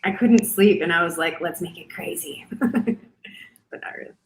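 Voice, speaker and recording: A woman's voice: on the low side, moderate pace, a little hiss or hum, low-quality recording. A woman chatting in a teasing way during an online group game and reading out viewer comments. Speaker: guest in a live stream game. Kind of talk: casual chat.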